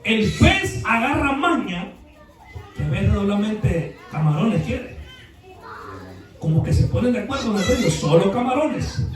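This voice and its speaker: A man preaching a sermon as pastor, telling folksy stories and building to shouted exhortation. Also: sits high, big pitch swings, a little slow, long pauses, soft background music, a faint crowd. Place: church sanctuary. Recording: echoey church hall, mic at a distance.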